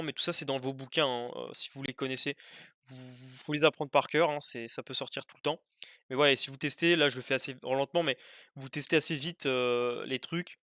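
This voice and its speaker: Young guy tutoring, thinking out loud with lots of ums, clear smooth voice. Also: on the high side, no echo, studio quality. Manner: thinks aloud, hesitant with many fillers. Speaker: test-prep tutor. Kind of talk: informal worked-example lesson.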